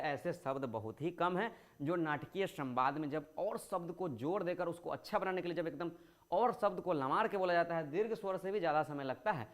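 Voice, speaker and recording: A man with a high-pitched voice teaches a grammar class to school students. He explains step by step, poses questions and answers them himself. He stretches words out to show how long each vowel sound is. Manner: explains patiently, asks and answers his own questions.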